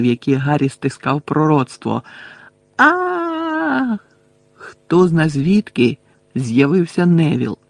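A man's voice: a little high, dry recording. Man narrating a tense audiobook. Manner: dramatic, steady storytelling. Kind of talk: scripted narration.

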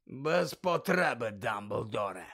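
A man's voice: mid-range voice, very animated, takes it slowly, a bit bright, voice pushed down, exaggerated voice. A man doing a growling grumpy old wizard. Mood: gruff. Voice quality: gravelly, growling.

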